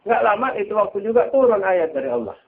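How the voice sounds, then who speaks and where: Lively male preacher. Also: sits high, fast. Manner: animated storytelling with dramatic quiet drops. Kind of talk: sermon storytelling. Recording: tinny phone-like lo-fi sound.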